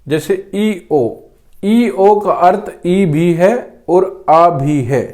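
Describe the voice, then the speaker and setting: A man's voice: high voice, drawn-out words, a little mellow. A male English teacher with a sore throat, giving a spoken lesson to students and repeating each word several times. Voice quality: clears throat often.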